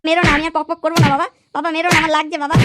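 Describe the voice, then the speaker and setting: A woman's voice: sits high, very fast, over loud music, natural voice. A woman voicing a cheeky, lazy young husband in a comedy cartoon, giggling and talking back. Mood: pleading.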